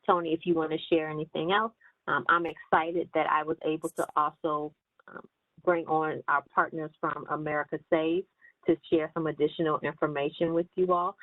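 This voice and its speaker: Woman agency director, measured presenter, dry and phone-filtered. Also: low voice, no room sound. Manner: steady, measured, with frequent ums. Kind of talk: virtual meeting presentation. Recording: tinny phone-line audio, dry.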